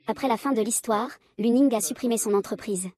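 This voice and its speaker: A woman's voice: fairly high pitch, brisk, warm tone. A woman reading the dialogue of a dubbed drama, voicing every part in the same unchanging voice. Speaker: voice-over reader of a drama recap.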